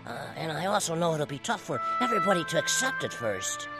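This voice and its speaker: Stammering reformed bully. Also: male voice, a little high, big pitch swings, fast, over loud music. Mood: sheepish. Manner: hesitant, stammering with many fillers. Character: awkward would-be reformed bully boy.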